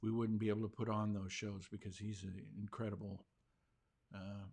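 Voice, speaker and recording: Low-voiced rambling talk show host. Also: male voice, level tone, normal speed, vocal fry, darkish tone, breathy edge. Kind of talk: casual talk show chat.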